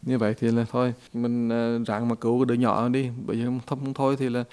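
A man voicing a gentle, compassionate male monk master who speaks calmly and hesitantly. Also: mid-range voice, fast, clean tone, lightly acted.

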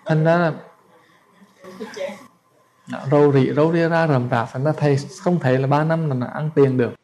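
A man's voice: a little high, steady tone, normal speed, darkish tone. A man, a Buddhist monk telling a story as a sermon in a colloquial, chatty way. He stumbles over repeated words and speaks straight to his listeners.

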